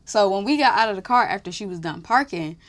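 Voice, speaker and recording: A woman's voice: mid-range voice, fast. Young woman telling a slangy storytime. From Houston, Texas. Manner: animated, slangy, profane, laughs often. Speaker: podcast host. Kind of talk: casual storytime.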